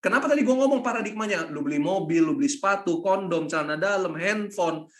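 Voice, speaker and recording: A man's voice: high-pitched, lively intonation, quick pace, echoey room. Blunt, combative man lecturing. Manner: blunt, combative slang-heavy Jakarta talk. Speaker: masterclass speaker. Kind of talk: informal lecture.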